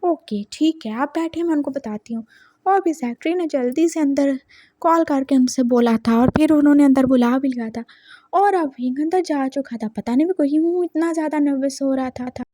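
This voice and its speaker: Woman storyteller, high pitched, mellow tone, chatty expressive retelling. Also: fairly quick, no echo, clean studio sound. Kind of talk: casual story narration.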